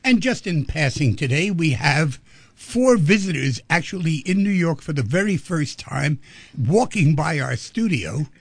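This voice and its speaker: A man's voice: a little high, sing-song, a little slow, slightly rough, no echo. A man hosting a radio talk show, chatty and rambling, asking guests lots of questions. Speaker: radio host. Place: radio studio.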